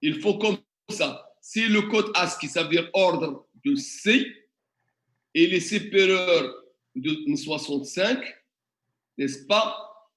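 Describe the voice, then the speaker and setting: A man teaches a classroom tutorial, asking students questions and walking through examples one step at a time. His voice is high and bright, and he talks at an unhurried pace. The sound is roomy, with the echo of a classroom. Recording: echoey classroom.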